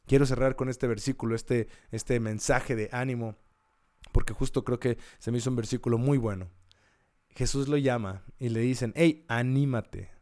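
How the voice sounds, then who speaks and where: A man's voice: medium pitch, steady tone, moderate pace, warm tone. Earnest man encouraging his listeners. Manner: earnest, encouraging, repeats key words with rising emphasis; occasional restarts and self-corrections. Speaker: podcast host giving a devotional message. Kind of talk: casual devotional talk.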